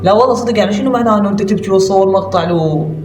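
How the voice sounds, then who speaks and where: Fast-talking Iraqi man, mocking rant. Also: sits high. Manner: mocking, sarcastic, rapid-fire ranting. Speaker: commentary YouTuber. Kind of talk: reaction commentary. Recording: roomy, distant mic, music behind.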